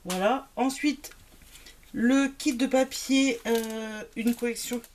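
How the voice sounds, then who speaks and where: A woman's voice: a little high, steady tone, takes it slowly, a little mellow, a little hiss or hum. A woman chatting casually through a craft shopping haul, with frequent fillers. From Italian family background. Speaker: craft vlogger. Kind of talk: casual product haul chat.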